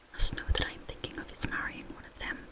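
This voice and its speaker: A whispering reader narrating a classic novel in a breathy, unvoiced ASMR whisper. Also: fast talker, pushed and bright.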